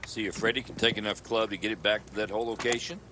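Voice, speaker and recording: A male golf commentator with a fairly low voice calls play live. His delivery is casual and analytical, over clear outdoor background noise. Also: fairly even intonation, fast. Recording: clearly noisy outdoor broadcast.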